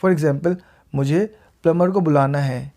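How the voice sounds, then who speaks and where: A man with an Indian English accent, a teacher, gives a casual video lesson in pronunciation and says each word slowly and clearly more than once. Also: a little high, dark tone. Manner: repeats words slowly and clearly for learners.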